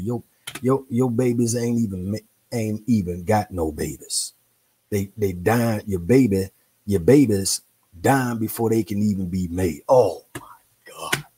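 Speaking in informal slang, this show host alternates between reading a book aloud and launching into playful, preachy asides packed with exclamations and repeated lines. The voice is fairly low, dark-toned and slightly rough.

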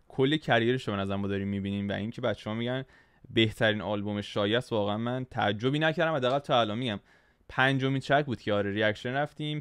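A man's voice: medium pitch, fairly bright tone, smooth, no room sound. A man hosting a reaction video, explaining rap lyrics in loose, slangy casual chat. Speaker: host reacting to a rap track. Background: rap track playing underneath.

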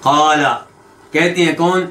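A man teaching a hadith lesson. He quizzes his listeners with quick questions, and he recites quoted lines slowly before explaining them. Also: on the high side, fairly even intonation, a bit bright, slight background noise. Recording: echoey room.

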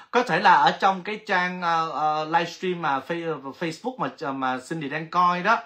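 Man, livestream host, high voice, bright tone, chatty, excitable, lots of exclamations. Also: measured pace. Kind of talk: casual livestream giveaway chat.

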